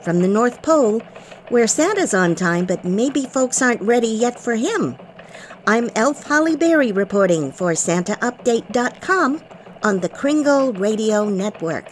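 A woman playing a female elf news anchor in a mock radio newscast, with crisp anchor delivery. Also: on the high side, sing-song, measured pace, a little hiss or hum. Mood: poised, formal.

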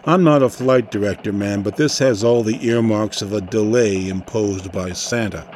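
A man's voice: on the low side, moderate pace, darkish tone, slight background noise, close to an everyday voice. A man playing a male elf security agent in a mock radio newscast, clipped and formal. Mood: matter-of-fact.

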